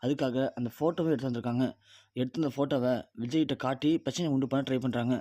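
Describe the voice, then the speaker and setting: A man's voice: mid-range voice, steady tone, quick pace, warm tone, dry recording. A man casually retelling and predicting a television serial's plot as a review host. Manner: chatty storyteller.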